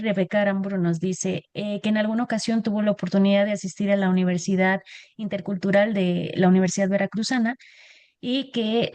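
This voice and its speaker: A woman's voice: medium pitch, darkish tone, no echo. Woman, moderator, hesitant, fillers, dry close sound. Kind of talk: moderating a talk, reading comments.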